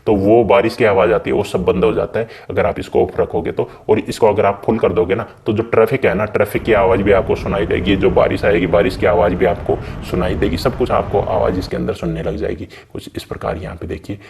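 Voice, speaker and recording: A man's voice: lowish voice, steady tone, fairly quick, hardly any pauses, a little mellow, a little hiss or hum. A man hosting a gaming channel, casually walking viewers through a game's settings in a chatty way and often calling them brother. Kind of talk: casual game settings walkthrough.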